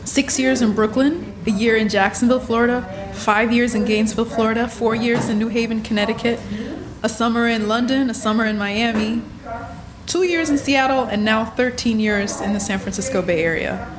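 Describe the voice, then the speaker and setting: A woman's voice: on the high side, brisk, a crowd in the background. A woman from Ethiopia in her forties, a musician answering interview questions in a reflective, storytelling way and laughing easily. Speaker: musician guest.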